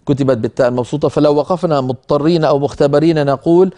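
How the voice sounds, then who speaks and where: Middle-aged guy teaching quran reading, slightly high voice, mellow tone, calm and measured. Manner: measured, explanatory, chants verses slowly. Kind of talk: lecture on a tajweed poem.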